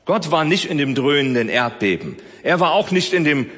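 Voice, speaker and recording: Expressive male preacher in a reverberant hall. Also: on the high side, moderate pace, slightly rough. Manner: expressive preaching, swinging from loud to soft. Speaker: pastor. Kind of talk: sermon.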